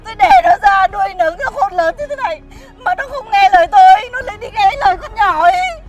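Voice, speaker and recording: A woman's voice: animated, fairly quick, muffled recording, faint music behind, some chatter behind. An actress playing a scornful, hot-tempered middle-aged mother who scolds and insults. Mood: furious. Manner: scolding, insulting, shrill shouting. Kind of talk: web drama acting.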